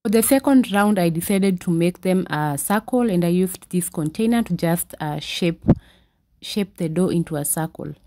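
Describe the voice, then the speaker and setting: Recording a home vlog in her living room, a woman in her twenties talks in a chatty, casual way, often saying "uh" and restarting her sentences. She speaks at a moderate pace in a fairly low voice.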